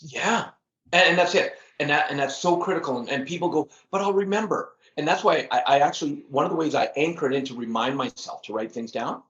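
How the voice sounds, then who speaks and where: A middle-aged man with a high-ish, brisk, slightly bright voice chats casually as a podcast guest in an interview. He speaks earnestly, often repeats words, and laughs at himself. The audio is dull.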